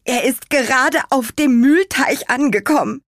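A woman voicing an excitable little male apple creature who blurts out news. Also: high-pitched, measured pace, no echo, studio quality, voice pushed up. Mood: alarmed. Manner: blurting, breathless alarm.

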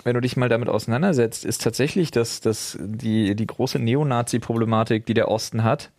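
A man's voice: medium pitch, brisk, darkish tone. Earnest man explaining things. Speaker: podcast co-host. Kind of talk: casual group chat.

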